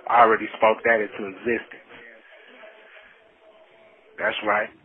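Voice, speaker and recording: Over a muffled, lo-fi phone call, an incarcerated man shares heartfelt, preachy testimony in casual conversation, repeating phrases for emphasis. His fairly low voice stays flat in pitch and moves a little slowly.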